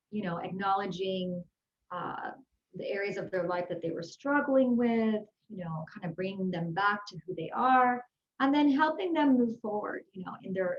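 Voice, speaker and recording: This interview guest, a woman from Houston, Texas, United States, is an executive and life growth coach joining by video call. She answers upbeat, earnest and conversational in a mid-range voice, with the top frequencies cut off.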